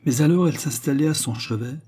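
A man narrating an audiobook in a measured, expressive way. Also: medium pitch, slightly rough.

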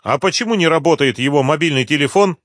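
A man's voice: fairly high pitch, expressive, fast, no room sound, studio quality, voice pushed up, lightly acted. A man voicing an anxious woman who speaks nervously and pleads on the phone. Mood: anxious pleading.

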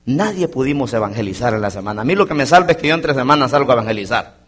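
A man preaching a sermon as a pastor in a church, swinging between loud exclamations and quiet asides. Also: mid-range voice, animated, racing, slightly rough. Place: church sanctuary.

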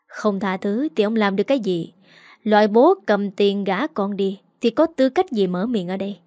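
A woman's voice: mid-range voice, normal speed, darkish tone, dry recording, clean studio sound, lightly acted. A woman voicing an arrogant, cruel rich young man who mocks and sneers. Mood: sneering. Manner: sneering, mocking.

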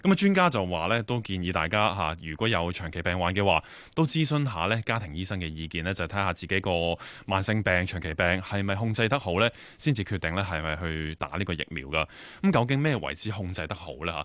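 A man with a Hong Kong Cantonese accent hosting a radio phone-in show, talking briskly and filling his sentences with particles. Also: deep voice, expressive, a bit bright, no echo. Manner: brisk, many filler particles. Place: radio studio.

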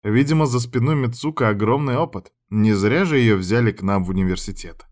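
A man reading a first-person story aloud in an even, matter-of-fact way. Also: medium pitch, fairly quick. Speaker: audiobook narrator.

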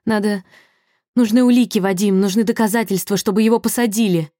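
A woman voicing a terrified young woman trapped in a locked room, shouting frantic pleas. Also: medium pitch, steady tone, brisk, dry recording, clean studio sound, natural voice.

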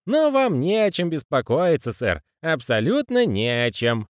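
A male reader voicing a fussy, pious old postman who speaks in a raspy, wheezy whisper and keeps saying sir. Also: on the high side, wildly swooping pitch, measured pace, no echo, clean studio sound, pitched above the performer's own voice. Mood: fussy, earnest. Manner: deferential, says sir constantly. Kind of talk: audiobook character voicing.

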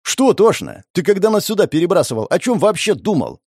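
A man reading the part of a hot-tempered young male student who shouts in agitation. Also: high voice, big pitch swings, a little fast, breathy edge, dry recording, clean studio sound, voice pushed up, full character voice. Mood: exasperated, agitated.

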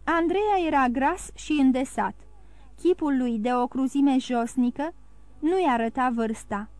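A woman narrating an audiobook in a steady, even storytelling manner. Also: high voice, no room sound. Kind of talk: scripted narration.

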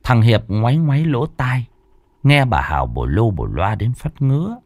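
A man's voice: medium pitch, very animated, moderate pace, a little mellow, dry recording. A man narrating a ghost story in a dramatic storytelling manner. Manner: dramatic storytelling with voiced characters. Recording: dry close recording with faint music.

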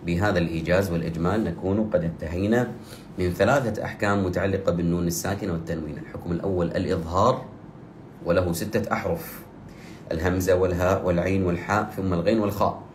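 A man teaching Quran recitation rules, explaining slowly and chanting the example phrases in long drawn-out repetitions. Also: low-pitched, steady tone. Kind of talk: tajweed lesson with recited examples. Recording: echoey room with faint ambient noise.

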